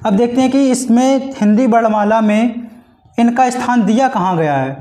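A man's voice: very high voice, normal speed, mellow, roomy sound. A man teaching a grammar lesson, patiently repeating and drawing out syllables to show how they are pronounced. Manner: patient, repeats and stretches out syllables to demonstrate pronunciation. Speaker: Hindi teacher. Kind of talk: blackboard-style grammar lesson.

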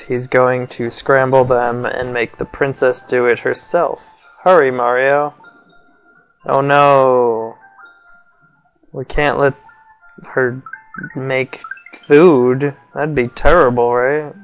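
A young let's play commentator with a clear, resonant mid-range voice speaks slowly and levelly over a video game, faint game music behind him on a low-quality recording. He mutters wry, self-mocking asides, and his voice feels a bit off, maybe from getting sick.

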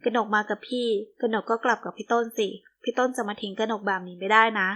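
A woman's voice: medium pitch, fast talker, a bit bright, muffled recording, lightly acted. A woman narrator voicing a petite, hot-tempered young woman who snaps indignantly. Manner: indignant, snappy.

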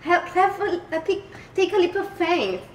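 A woman's voice: very high voice, very animated, moderate pace, lo-fi sound, a little hiss or hum. An actress playing an encouraging, insistent young woman urging her friend to go out. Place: indoor bar. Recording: roomy sound, distant mic.

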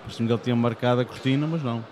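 Very rapid-talking man, sports analyst. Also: medium pitch, fairly even intonation, darkish tone, a little hiss or hum. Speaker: co-commentator giving analysis. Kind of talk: conversational live sports analysis.

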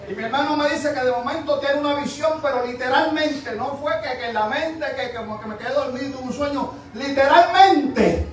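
A male preacher delivers a fervent sermon, pressing his point with shouted, repeated questions. His voice sits very high for a man. He sounds far from the microphone, in a church hall full of heavy echo. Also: steady tone, a little fast, hardly any pauses. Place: church sanctuary.

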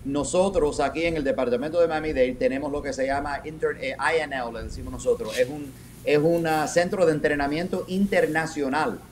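A middle-aged man, a retired police commander, answering interview questions over a webcam from a home office, talking haltingly with many restarts and English words mixed in. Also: on the high side. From raised in New York. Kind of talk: video call interview. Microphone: video call webcam.

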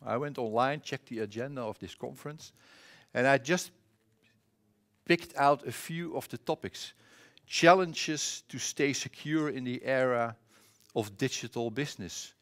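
A middle-aged Dutch man with a Dutch accent and a bright-ish, mid-range voice gives a casual conference presentation. He speaks into a presentation mic in a conference room, frequently pausing with filler sounds and restarts.

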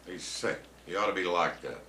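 A man's voice: low voice, animated, moderate pace, vocal fry, pushed and bright, a little hiss or hum, full character voice. An actor playing a stubborn, guarded middle-aged man, a terse suspect under interrogation in a film drama. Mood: evasive. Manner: terse, stonewalling. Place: small indoor police office.

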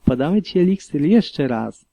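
A man's voice: fairly high pitch, very animated, normal speed, gravelly, dry recording, lo-fi sound, heavily acted. A man doing a stern pegasus mare. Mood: firm. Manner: firm, insistent.

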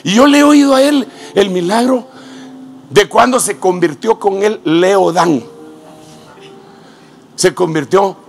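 Predicador de voz aguda y rasposa. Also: male voice, takes it slowly, long pauses, soft background music. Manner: shouts exclamations, swings from loud cries to low storytelling. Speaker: apostle preaching. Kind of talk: sermon.

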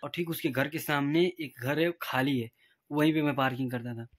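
This man's voice is on the high side and fairly quick, captured in a dry recording. A vlogger, he tells viewers a long, casual story from his car and his room about a quarrel with friends over parking. He keeps it chatty, acting out the quoted voices as he retells the argument.

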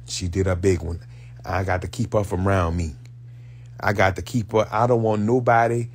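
A man hosting a show of comedic commentary on internet gossip, animated and profane, jumping from loud outbursts to hushed asides. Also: low-pitched, normal speed, slight background noise. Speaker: show host.

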